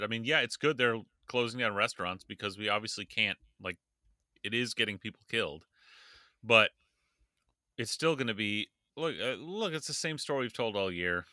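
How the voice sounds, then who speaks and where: A man talks casually on a podcast, blunt and given to sarcastic swearing. His voice sits a little low yet sounds bright and forward. The recording is dry and close. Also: clear, resonant tone, dry recording. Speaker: podcast co-host. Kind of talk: casual political chat.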